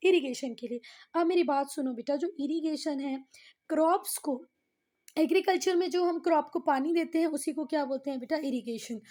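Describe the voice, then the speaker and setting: High-voiced Indian woman teaching a class. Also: a little mellow. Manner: mixes Hindi and English, asks students questions and answers them herself; reads English lines slowly and deliberately. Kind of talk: online class lesson.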